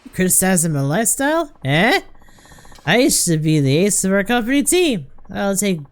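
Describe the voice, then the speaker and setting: A man's voice: high-pitched, big pitch swings, moderate pace, clear, resonant tone, pitched above the performer's own voice. A man doing a rowdy drunk ex-ballplayer. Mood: belligerent. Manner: blustering, folksy slang. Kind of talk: reading game dialogue aloud.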